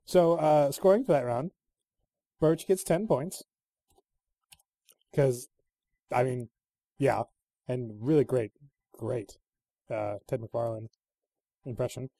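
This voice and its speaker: A man hosts a casual movie quiz with friends and laughs often along the way. His voice has a mellow, warm color. The sound is dry and close, like a call mic. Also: medium pitch, takes it slowly, long pauses, no room sound. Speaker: quiz host. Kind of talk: casual podcast game chat. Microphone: online call mic.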